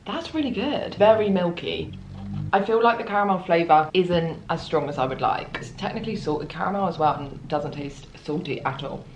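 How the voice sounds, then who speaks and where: A woman's voice: on the low side, expressive, moderate pace, a little hiss or hum. A young woman chatting casually in a food vlog at home, bubbly and giggly. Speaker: food vlogger. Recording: roomy echo.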